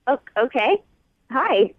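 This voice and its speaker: A woman phones in to a radio show and talks casually over a thin, narrow telephone line, sounding a little hesitant and wryly amused. Her high-sitting voice is very animated yet slow-paced, and the recording is dry.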